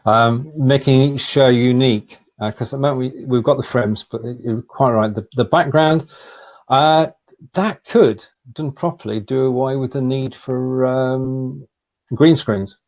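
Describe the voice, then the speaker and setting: A slightly muffled, lo-fi video call carries a man with a Lancashire accent and a mid-pitched voice. He hosts in a casual, explanatory style, feeling his way through sentences with halting phrasing. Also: a little mellow. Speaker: live show host. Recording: slightly dull, lo-fi sound.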